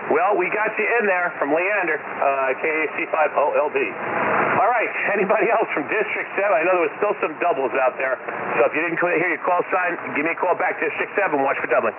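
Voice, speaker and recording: A man's voice: a little high, fairly quick. Net-control man over staticky radio. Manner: procedural, reads call signs in phonetics. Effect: radio transmission with heavy static. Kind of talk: amateur radio net check-ins. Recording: tinny radio line with loud static.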